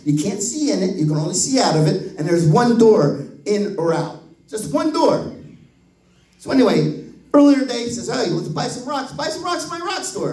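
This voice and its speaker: A fifties-aged stand-up comic spins crude, lively stories at a comedy club, doing impressions of the people in them. His voice sits high and the mic is distant, leaving a roomy echo.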